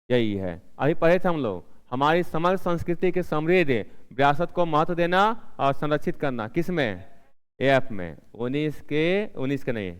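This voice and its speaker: A man's voice: fairly high pitch, clean tone, big-room sound. A male teacher leading an exam-prep lesson, asking questions and answering them himself, repeating the key answers.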